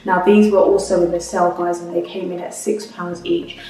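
A woman's voice: on the low side, level tone, fairly quick, dark tone. A woman, reviewing clothes in a chatty, upbeat way and often calling her viewers "guys", recorded at home. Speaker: fashion vlogger. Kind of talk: try-on haul review. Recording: roomy echo, mic at a distance.

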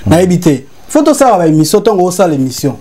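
A man's voice: high-pitched, sing-song, brisk, warm tone. A young man from Congo speaking emphatically on a TV studio talk show, mixing French and Lingala. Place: TV studio with grey sofa.

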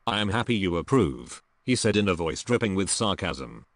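A man's voice: low voice, sing-song, normal speed, a bit bright, full character voice. A synthetic-sounding male voice playing a sarcastic sidekick with a posh English accent who complains dryly.

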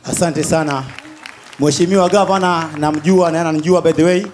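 A man hosting a live comedy show, hyping the crowd loudly in a mix of languages. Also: on the high side, steady tone, fairly quick. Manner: loud, hyping the crowd, mixing Swahili and English. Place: large outdoor concert stage with cheering crowd. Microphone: handheld mic. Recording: live stage mic over music and crowd.

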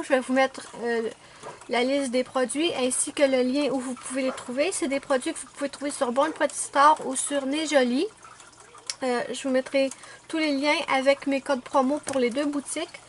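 A woman's voice: sits high, slight background noise. A woman narrating a nail art tutorial in a chatty, step-by-step way. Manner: chatty, explains step by step with fillers.

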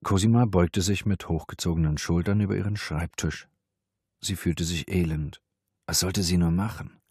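A man narrating a thriller audiobook in a steady, measured read. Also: deep voice, slightly rough, no room sound, clean studio sound. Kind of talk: scripted narration.

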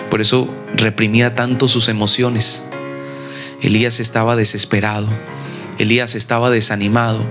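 A man preaching a sermon in an emphatic style, acting out the people he quotes. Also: lowish voice.

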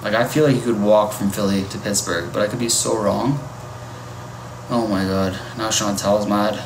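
Chatting casually on a livestream, this man answers viewer comments with a lowish voice, a steady tone and a moderate pace. His recording carries heavy echo and loud background noise.

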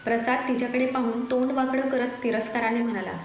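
A woman's voice: a little high, quick pace. Woman narrating a story, echoey room. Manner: steady storytelling, voices every character herself. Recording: echoey room with faint noise.

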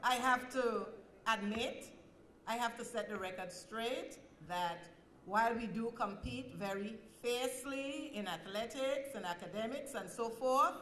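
A woman speaking as a school official at a ceremony, in a measured, formal emceeing manner. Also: fairly high pitch, fairly bright tone. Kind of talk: ceremony remarks. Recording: echoey hall with crowd and noise.

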